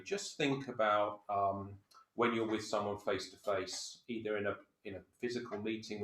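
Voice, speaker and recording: Man presenting on a roomy video call. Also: on the low side. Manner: explains with rhetorical questions and examples. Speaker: co-presenter of a training webinar. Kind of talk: conversational webinar presentation.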